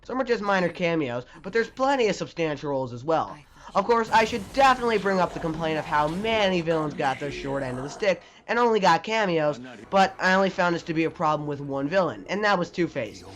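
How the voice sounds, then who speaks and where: A man's voice: on the high side, expressive, fairly quick, a bit bright. A young man narrating a scripted video game review, enthusiastic and jokey with mild swearing. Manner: enthusiastic, jokey, mildly profane.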